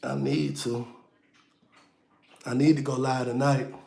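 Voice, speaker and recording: A man's voice: medium pitch, flat delivery, slow pace, gravelly, darkish tone, reverberant. A man hosting a casual livestream, talking loosely and slangy straight to his viewers, with auto-tune on his voice. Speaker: livestream host.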